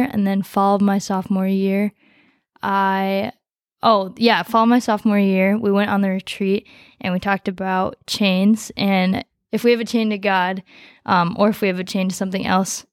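Teen girl guest, high schooler, flat delivery, easygoing and rambling, dry close mic. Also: smooth, dry recording. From United States. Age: teens. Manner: relaxed, rambling with fillers. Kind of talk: casual conversation, personal story.

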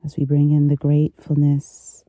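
A meditation teacher guiding relaxation gently, with a soft, intimate delivery right in the listener's ear. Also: medium pitch, monotone, no echo. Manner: slow, unhurried, gentle pauses. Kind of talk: guided meditation, soothing instruction.

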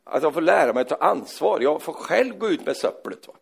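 A man delivers a sermon with a fairly high, gravelly voice that has a husky edge. He is animated, swinging from loud exclaims to hushed scripture reading and tagging points with quick questions. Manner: tag questions "va?" after points. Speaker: preacher.

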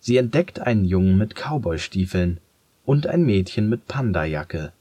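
A narrator reads a children's story calmly and measuredly, his very low, husky voice moving slowly and steadily. The recording is close and dry, without any room sound.

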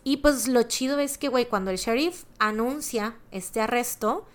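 A woman's voice: a little high, moderate pace. Podcast co-host, woman, Mexican accent, chatty and slangy storyteller. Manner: chatty, slangy, recounting a case with asides. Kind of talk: casual true-crime podcast chat.

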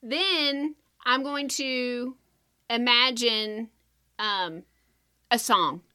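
A woman's voice: fairly high pitch, drawn-out words, bright, forceful tone, clear, resonant tone. A woman explaining a strategy in casual chat, step by step, with many "like" fillers.

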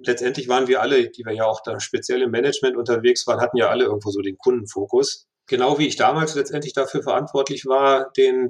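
A man, a sales director, answering questions in a business interview, often restarting and repeating words as he thinks. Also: mid-range voice.

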